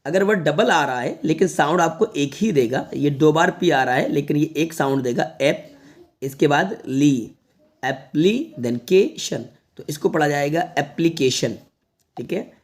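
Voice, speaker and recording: A man teaching an online lesson to students, repeating each word slowly several times in a patient, reassuring way. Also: on the high side. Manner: reassuring, addresses the viewers as children. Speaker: English teacher.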